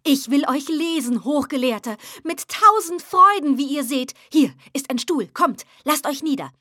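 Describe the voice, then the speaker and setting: A woman voicing an embittered, excitable poet who declaims loudly and with agitation in a recited poem. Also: a little high, unhurried, no room sound, studio quality. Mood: eager welcome.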